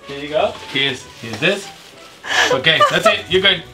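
Lively male voice, thirties, playful dad running a casual game, clear music bed underneath. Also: on the high side, a little slow, poor audio. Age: 30s. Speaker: father hosting a family challenge. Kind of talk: casual chat, explaining and cheering on the game. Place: small indoor playroom, seated at a table.

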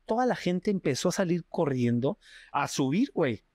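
Mexican guy, actor guest, tells stories all slangy and animated, really dry close sound. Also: fairly high pitch, moderate pace, no room sound. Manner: animated, slangy, acts out other people's cries. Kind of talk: casual storytelling chat.

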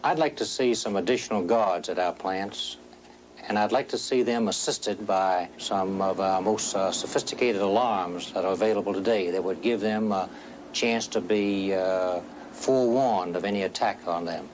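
Male official, lowish voice, halting interview delivery, faint background noise. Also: rough recording. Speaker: security official being interviewed. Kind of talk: halting explanatory interview talk.

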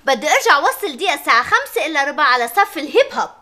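An actress with a Lebanese accent playing a frazzled, overworked wife and mother in a sitcom, who complains indignantly in long rapid lists. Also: high-pitched, very animated, pushed and bright, exaggerated voice. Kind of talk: sitcom acting.

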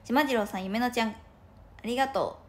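A woman's voice: fairly high pitch, a little fast. Giggly young woman chatting on a livestream. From Japan. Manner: chatty, giggly, rambling with many fillers. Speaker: idol livestreamer. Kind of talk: casual livestream chat. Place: room at home with no curtains.

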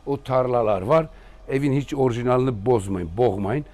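A man's voice: medium pitch, brisk, warm tone. Rambling man with Aegean accent, echoey rooms. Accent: Aegean Turkish. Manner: rambling, joking asides to viewers. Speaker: real estate agent. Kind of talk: casual property tour vlog. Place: walking through a house and garden.

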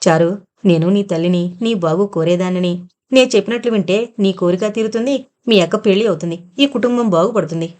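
A woman's voice: mid-range voice, brisk, a little mellow, natural voice. A woman reading as a pushy scolding mother. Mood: coaxing. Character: poor, scheming, domineering middle-aged mother. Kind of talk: audiobook character reading.

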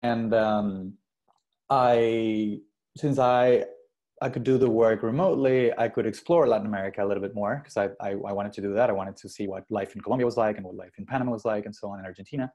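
A man in his thirties from Venezuela, a guest on a video-call interview, talking in a halting way with many restarts. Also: on the low side, fairly even intonation, dark tone. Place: small room indoors. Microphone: earbud headset mic on video call.

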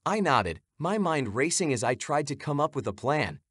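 A man's voice: a little high, big pitch swings, moderate pace, a bit bright, breathy edge, no room sound, studio quality. A man giving scripted, suspenseful narration of a horror story.

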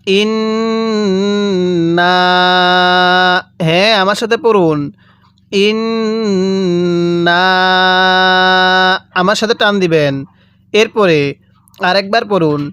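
High-voiced man teaching slow recitation. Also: a bit bright, no echo, studio quality. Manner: spells out letters and vowel marks, then has listeners repeat after him; draws out recited syllables very slowly. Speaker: Quran reading teacher. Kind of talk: step-by-step recitation lesson.

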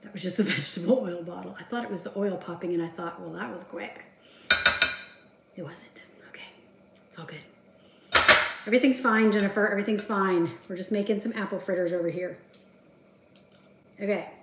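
A chatty home cooking vlogger makes self-deprecating remarks and talks to herself while cooking, speaking casually to a camera across her kitchen counter. Her mid-range voice is brisk and gravelly with frequent pauses. The echoey home kitchen brings heavy background noise and clattering dishes.

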